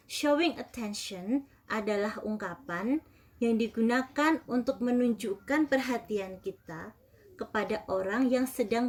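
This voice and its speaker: A woman teaching an English lesson, giving slow and careful explanations and leading repeat-after-me drills. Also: a little high. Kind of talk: recorded online English lesson.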